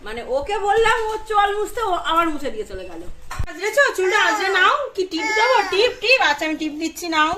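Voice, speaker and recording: A young woman vlogging at home as a mother, coaxing her toddler in sing-song talk and chatting quietly to her viewers. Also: sing-song, fast, crowd noise. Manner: quieter, lower chatty narration. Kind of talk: casual home vlog.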